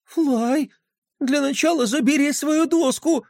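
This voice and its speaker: A sharp-tongued young girl who scoffs at superstition, pitched high and lively, as a man puts her on. Close, dry storybook narration. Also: moderate pace, no echo. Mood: scoffing. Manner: sharp, dismissive. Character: skeptical spunky skateboarder girl.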